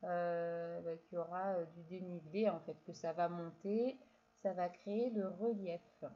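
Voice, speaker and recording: Lady teacher doing a reading lesson for little kids, super slow, stretches syllables, kinda muffled lo-fi audio. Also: on the low side, steady tone. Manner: slow, patient, drawn-out syllables, addresses child directly. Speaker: primary school teacher. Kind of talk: reading lesson for young children.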